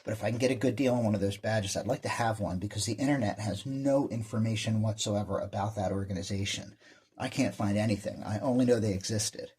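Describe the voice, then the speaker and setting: An amateur radio hobbyist hosts a vlog, rambling through casual show-and-tell with real enthusiasm. His voice is fairly low, a little mellow and slightly rough.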